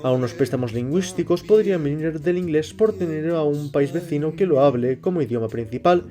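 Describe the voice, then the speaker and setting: A man, reading a scripted explanation at a measured pace. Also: fairly high pitch, animated, dark tone, faint music behind. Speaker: channel host. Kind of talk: scripted narration.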